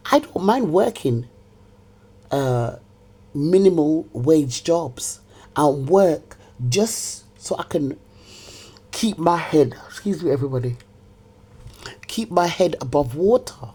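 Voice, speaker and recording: A middle-aged woman's low, warm voice carries a breathy edge while she delivers a head-on, scolding monologue to camera. She repeats herself, ranting at someone who isn't there.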